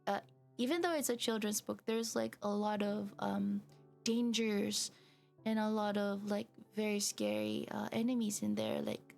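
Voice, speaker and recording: A woman's voice: medium pitch, animated, a little slow, creaky, faint music behind. A woman streamer who chats casually and reads a story game aloud, with lots of fillers and giggles. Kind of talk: reading a story game aloud while chatting.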